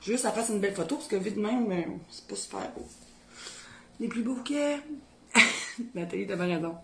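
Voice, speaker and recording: A woman's voice: mid-range voice, moderate pace, reverberant, slight background noise. A woman with a Québécois accent from the Beauce region, hosting a casual cooking video and chatting colloquially as she works in her home kitchen. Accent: Beauce Québécois French. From Beauce, Quebec. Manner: chatty, thinks aloud while working, colloquial Québécois speech. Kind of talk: casual cooking demo chat.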